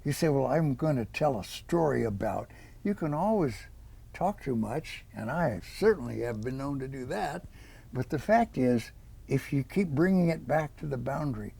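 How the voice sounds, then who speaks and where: Gravelly old man spinning folksy anecdotes. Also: mid-range voice, expressive, normal speed, mellow. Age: 80s. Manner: folksy, rambling anecdotes with quoted dialogue. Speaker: author. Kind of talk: storytelling interview answers.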